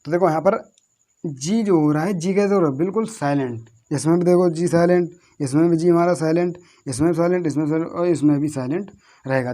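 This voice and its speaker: A male teacher with a somewhat high voice leads a patient spelling lesson. He repeats each word several times and spells it out one letter at a time. He keeps asking his pupils questions and answering them himself. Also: dark tone. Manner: repetitive, drills words slowly letter by letter. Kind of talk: classroom-style lesson on English spelling.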